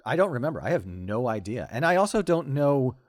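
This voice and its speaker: A man's voice: medium pitch, big pitch swings, a little fast, darkish tone, no echo, studio quality. A man in his forties, a podcast guest, talking with enthusiasm and many stammering restarts in casual conversation.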